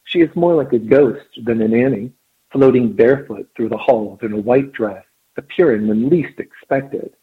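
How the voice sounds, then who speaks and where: A man's voice: medium pitch, moderate pace, lightly acted. A man voicing a jealous, haughty duchess with affected upper-class diction, heard over a tinny phone line. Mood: scornful.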